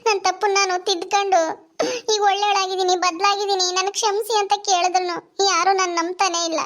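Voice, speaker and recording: A woman's voice: very high-pitched, level tone, fairly quick, pitched above the performer's own voice. A woman voicing a tearful young elder sister begging forgiveness in a family drama skit. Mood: tearful pleading. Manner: pleading, sobbing.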